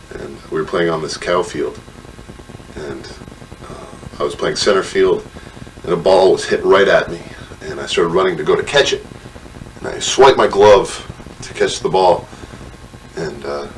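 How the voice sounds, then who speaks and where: Deep-voiced man telling a childhood story. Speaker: interviewee. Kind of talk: anecdote told to camera. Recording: distant mic with light hiss.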